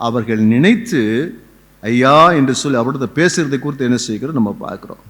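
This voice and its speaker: A man's voice: medium pitch, animated, a little fast. A man preaching a Pentecostal sermon as pastor, building through repeated rhetorical questions and calls of hallelujah. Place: church hall. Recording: long hall reverb.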